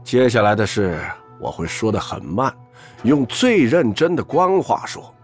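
Wry old uncle assassin in an audio drama, slow drawl, super swoopy pitch, music behind him. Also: male voice, very animated. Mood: slow, conspiratorial. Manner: drawling, storyteller-like, peppered with interjections. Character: wry, theatrical older male assassin uncle, Su Zhe. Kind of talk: audio drama character acting.

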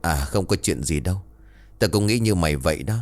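A man voicing a gruff, secretive old village uncle. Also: deep voice, expressive, a little fast. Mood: evasive. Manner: gruff, hushed and brushing off questions.

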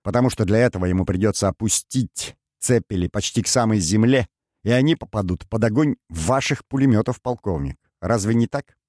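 A man voicing a cheerful, self-assured male king in an audiobook, with a lively, lightly teasing manner. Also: fairly low pitch, brisk, no room sound, clean studio sound, pitched above the performer's own voice, natural voice. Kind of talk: audiobook character voice.

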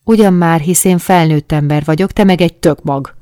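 A woman doing a gruff, irritable grown man. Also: sits low, warm tone, dry recording, clean studio sound, lightly acted. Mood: angry. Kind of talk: audiobook character voice.

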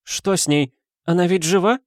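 A man's voice: normal speed, no echo, clean studio sound, natural voice. A man voicing a distraught middle-aged countess who wails and shrieks. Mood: frantic. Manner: shrill, wailing.

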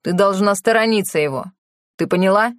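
A woman's voice: mid-range voice, a little fast, no echo, clean studio sound, natural voice. A woman reading a novel aloud, voicing a strict middle-aged father lecturing his daughter. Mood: stern. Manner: firm, lecturing.

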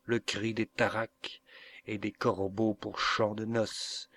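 A man voicing a slow, menacing old crone. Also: on the low side, flat delivery, a bit bright, full character voice. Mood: menacing curse. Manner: slow, drawn-out, menacing incantation. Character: vengeful old woman cursing a young pirate. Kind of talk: audiobook character voice.

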